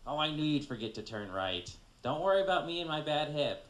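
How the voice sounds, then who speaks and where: A man's voice: a little high, sing-song, a little fast, fairly bright tone, reverberant, voice pushed up, rough recording. A man voicing a worrying old grandmother who speaks as a car's navigation device and guilt-trips the driver. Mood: worried. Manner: guilt-tripping, fretful.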